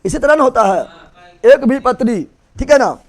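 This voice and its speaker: A male teacher, giving a lesson that quickly quizzes the class and keeps repeating the key terms. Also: very high voice, animated. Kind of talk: classroom-style online lesson.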